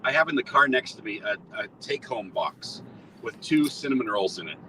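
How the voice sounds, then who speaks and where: A man's voice: mid-range voice, expressive, brisk. A man talking in a good-natured, chatty way over a hands-free speakerphone from his moving car. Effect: hands-free car speakerphone call. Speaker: guest. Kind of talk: casual chat. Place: in a moving car on a long drive. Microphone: hands-free car phone. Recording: distant speakerphone with road noise.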